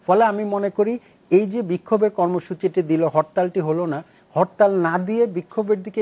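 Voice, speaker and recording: A man speaking as a political analyst on a talk show, making deliberate, numbered points. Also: sits high, darkish tone. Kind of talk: measured studio commentary.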